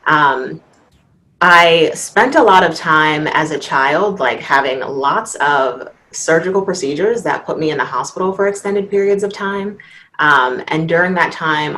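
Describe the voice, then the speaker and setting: A young woman in her twenties from Washington, D.C., a veterinary student, telling her story softly on a video-call panel, with frequent "um"s. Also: sits low, rough recording. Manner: soft-spoken, frequent "um".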